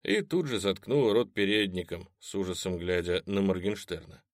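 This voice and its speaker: A man narrating an audiobook in an even storytelling read on a close mic. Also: low-pitched, moderate pace, no room sound. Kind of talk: scripted narration.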